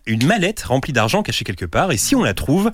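A man hosting a casual podcast quiz, teasing his guests in lively banter. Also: mid-range voice, brisk, slightly rough, no echo. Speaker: podcast host.

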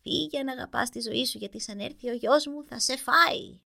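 A woman voicing an old witch who warns a young traveller, in a high quavering voice. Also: creaky, bright, forceful tone. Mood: warning.

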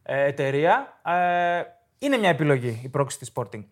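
A man co-hosting a casual football talk with a fairly high voice. He keeps up brisk banter, often nodding along and pushing the talk forward. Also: very animated. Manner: quick to agree, back-and-forth banter. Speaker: podcast co-host.

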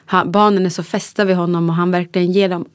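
A woman from Dalarna, Sweden, co-hosting a podcast in casual chat, telling lively stories and acting out what people said. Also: fairly low pitch, no echo. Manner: animated storyteller who acts out quotes. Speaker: podcast co-host.

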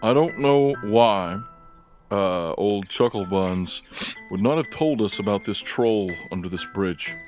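A man's voice: lowish voice, animated, slow pace, darkish tone, soft background music. A man talking casually as a player in a tabletop role-playing game. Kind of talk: casual chat.

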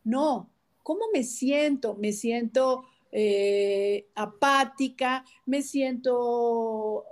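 A woman's voice: a little high, extremely slow. A woman, chatting casually as co-host and explaining through acted-out example conversations. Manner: explains with hypothetical dialogues. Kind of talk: casual chat.

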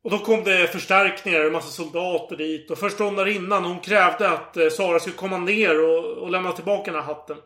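A man casually retelling a story in a podcast chat, animated and acting out the quoted lines. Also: high voice, hardly any pauses, echoey room.

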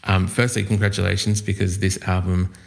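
A man's voice: deep voice, level tone, fairly quick, creaky. An Australian man hosting a music podcast, chatting casually with fillers and restarts. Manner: friendly, hesitant with fillers and restarts. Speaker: podcast host. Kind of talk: casual interview chat.

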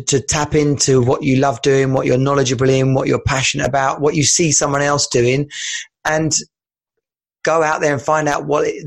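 A man's voice: medium pitch, gravelly. A man hosting a podcast, agreeable and rambling, often restarting his sentences. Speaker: podcast host. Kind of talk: casual podcast chat.

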